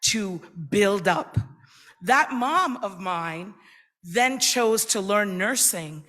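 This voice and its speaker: A woman's voice: mid-range voice, a bit bright, in a large hall. A middle-aged woman giving a friendly, conversational personal speech at a conference. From New York, USA. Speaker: invited speaker. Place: conference hall.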